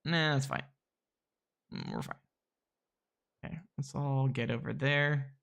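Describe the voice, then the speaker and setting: A man's voice: mid-range voice, huge pitch swings, slow pace, vocal fry, fairly bright tone. A man casually chatting while playing a strategy game on a live stream, easygoing and hesitant, with plenty of ums and chuckles.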